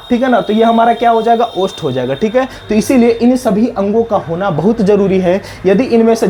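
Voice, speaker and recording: High-voiced man teaching by call and answer. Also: slight background noise. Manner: asks questions and answers them himself, repeating; drops low and soft on the repeated answer. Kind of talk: exam-prep lesson.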